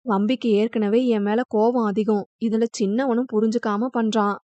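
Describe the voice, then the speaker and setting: A woman voicing a quiet, sorrowful middle-aged mother, on a dull lo-fi recording. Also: a little high, steady tone, moderate pace, no room sound, lightly acted. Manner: subdued, sorrowful tone.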